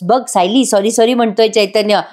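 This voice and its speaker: A woman's voice: medium pitch, fairly even intonation, normal speed, darkish tone, lightly acted. A woman voicing a young husband who pleads with his wife and scolds his friend. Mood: hurried.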